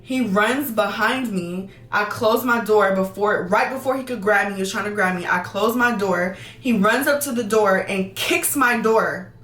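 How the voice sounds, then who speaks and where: Young woman vlogger, quick emphatic storytelling, roomy sound, set back from the mic. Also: medium pitch, a bit bright, far from the mic. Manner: fast, emphatic, repeats words for emphasis. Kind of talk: storytime vlog.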